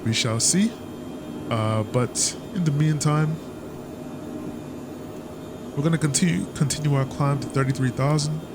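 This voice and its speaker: A man's voice: fairly high pitch, unhurried, pauses often, background noise. A man giving casual, chatty commentary over a flight simulator session, stumbling now and then with fillers. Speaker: flight sim YouTuber.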